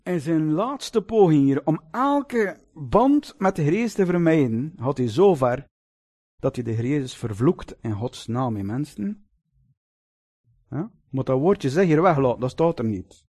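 A man delivering a sermon in a high-pitched voice. His pitch swings widely as he tells the story, and he keeps drawing the congregation in with tag questions and fond asides. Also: a little slow. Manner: lively storytelling, addresses listeners with "lieve mensen" and tag questions. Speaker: preacher.

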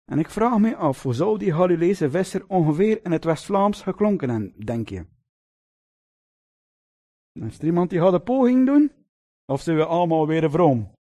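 A man with a slightly high voice, speaking at normal speed with frequent pauses, preaches and brings the story to life. He repeatedly addresses his listeners as "lieve mensen" and asks them brief tag questions.

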